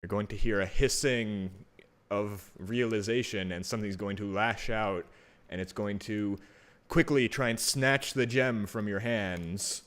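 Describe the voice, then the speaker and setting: Male game master, low voice, narrating tabletop roleplaying play. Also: fairly even intonation, measured pace, fairly bright tone.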